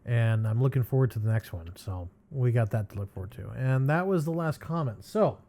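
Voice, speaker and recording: A man of middle pitch talks through viewer comments as a host. His speech is loose and rambling, full of ums, sighs and small chuckles. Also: animated, a little fast, dark tone. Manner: rambling and hesitant, with many fillers and sighs.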